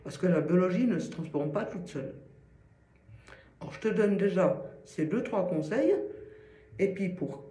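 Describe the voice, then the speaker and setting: A man's voice: high-pitched, animated, normal speed, pauses often, mellow, roomy sound, rough recording. A man giving an informal singing lesson to one student, explaining patiently with everyday comparisons. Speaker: singing teacher.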